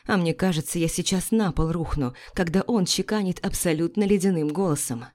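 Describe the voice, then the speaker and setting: A woman's voice: lowish voice, brisk, a little mellow. A woman reading a first-person romance novel aloud, dramatic and emotional. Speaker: audiobook narrator.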